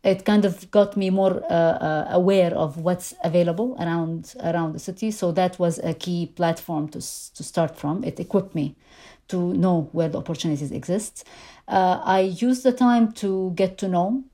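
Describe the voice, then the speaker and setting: In a conversational interview, a middle-aged woman from Lebanon, an immigrant who grew up speaking Arabic, responds thoughtfully while often using fillers and restarting her sentences. She speaks at a normal speed in a lowish, warm voice.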